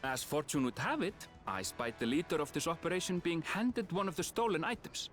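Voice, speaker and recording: A man acts out a composed informant in a game. The delivery is formal and articulate with animated intonation, over faint music. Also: on the high side, a little fast, pitched above the performer's own voice, close to an everyday voice. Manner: formal, expository.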